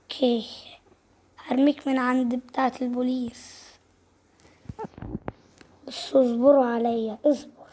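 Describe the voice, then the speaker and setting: A woman with an Egyptian Arabic accent hosting a casual game video, voicing its characters in a lively way and repeating phrases over and over. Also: high-pitched, measured pace, long pauses. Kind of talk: casual game-movie role-play narration.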